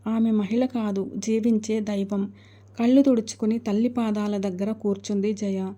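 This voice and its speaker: A woman narrating a family drama as a steady, emotive storyteller. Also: mid-range voice, normal speed.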